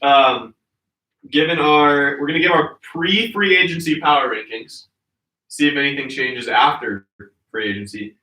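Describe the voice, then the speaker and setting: Bright-voiced male podcast host, roomy. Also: medium pitch, moderate pace, far from the mic. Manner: rambling, loose, lots of fillers. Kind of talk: casual sports chat.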